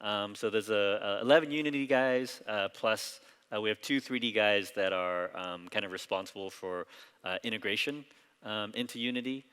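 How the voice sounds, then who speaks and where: A man's voice: on the low side, normal speed, clean tone. Man presenting in a reverberant hall. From Hong Kong. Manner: relaxed, loose delivery with frequent fillers and restarts. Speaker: company founder presenting at a conference. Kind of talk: conference presentation. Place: large conference hall.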